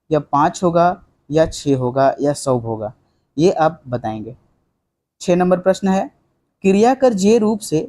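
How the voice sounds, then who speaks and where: Quizzing his students rhetorically, a young man runs an exam-prep lesson in a high, dark voice. He talks conversationally, leans on "ठीक है" as a filler, and slips English words in as he works through the questions.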